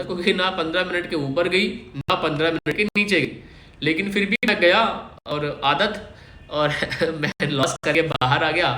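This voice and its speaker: Male trading host, casual explainer, checks in with listeners often; tense bright tone, roomy recording. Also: high-pitched. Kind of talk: casual chart walkthrough. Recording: echoey room.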